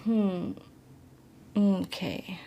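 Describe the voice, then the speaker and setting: A woman's voice: mid-range voice, fairly even intonation, drawn-out words, warm tone, highs cut off, a little hiss or hum. A woman live streaming from her phone with a plugged-in mic, chatting apologetically with viewers and reading a story game aloud. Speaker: livestreamer.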